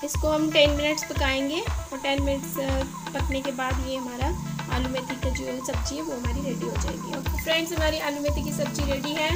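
A woman's voice: high-pitched, steady tone, brisk. A woman with an Indian accent, narrating a home cooking vlog step by step and dropping in English phrases. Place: home kitchen. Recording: loud background music.

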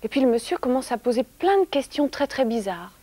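A soft-spoken woman telling a story to children in a TV studio, sometimes dropping to a whisper. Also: high-pitched, animated, a little fast, no room sound.

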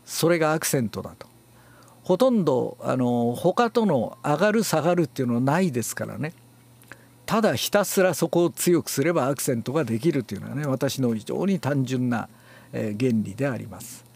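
Gravelly, lively-voiced male lecturer. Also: mid-range voice. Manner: unhurried and explanatory, with frequent filler pauses. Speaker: announcing and reading instructor. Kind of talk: spoken lecture on speech theory.

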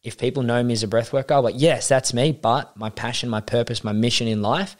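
A man's voice: mid-range voice, fairly even intonation, brisk. A young adult Australian man, a coach and podcast guest, chatting casually and acting out quoted remarks as he tells his story. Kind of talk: casual interview chat.

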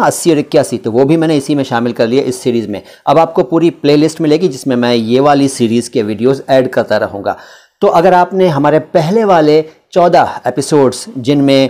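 A man from India teaching a casual lesson at a board, chatty, with drawn-out letter sounds and side remarks. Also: fairly high pitch, darkish tone. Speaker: language teacher.

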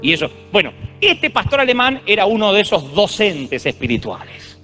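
A preacher in his thirties with an Argentine Spanish accent delivers a humorous, digressive sermon packed with stories and jokes. His voice is high-pitched, sharp and very animated at a moderate pace, with faint music in the background.

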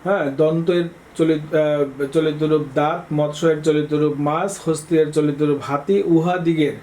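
Brisk male teacher quizzing students. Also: fairly high pitch, steady tone, a little mellow, a little hiss or hum, poor audio. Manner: brisk, reads questions then answers, says "haan" and "look" often. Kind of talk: exam-prep lesson for students.

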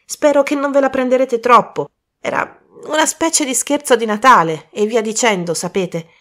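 Woman playing an excitable young prankster. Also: moderate pace, close to an everyday voice. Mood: eager, flustered. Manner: high, loud and excitable. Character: young man, prankster, eager and apologetic.

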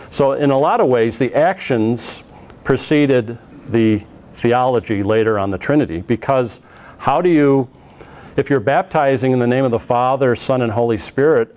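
A middle-aged man teaches a class in a relaxed, conversational way. He often pauses with "uh" and restarts phrases as he explains. He is recorded close up on a lapel mic in a classroom. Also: medium pitch. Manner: conversational, with frequent "uh" fillers and restarts. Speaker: lecturer. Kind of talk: classroom lecture. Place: classroom in front of a projected slide.

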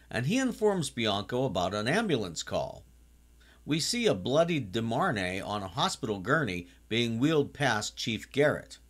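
A man in his sixties recapping a TV episode in a chatty, casual way, now and then breaking into animated exclamations. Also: medium pitch. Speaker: TV series reviewer.

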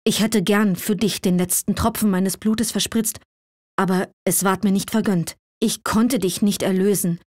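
A woman's voice: mid-range voice, fairly even intonation, normal speed, a little mellow, dry recording, natural voice. Woman reader as a bitter, proud young man; cold and somber, dry close recording. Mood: self-reproaching.

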